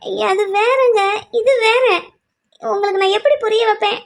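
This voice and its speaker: Woman doing a tearful young widow in a cartoon, super high pitched, pleading and upset. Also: moderate pace, gravelly. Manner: pleading, distressed. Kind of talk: cartoon drama dubbing.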